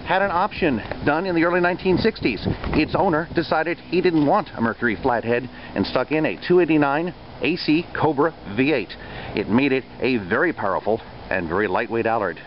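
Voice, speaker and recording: A man's voice: on the high side, animated, a little fast. A man presenting a car feature with enthusiasm, raising his voice over wind and engine noise in an open moving car. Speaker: TV reporter hosting a car feature. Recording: loud wind and motor noise, muffled sound.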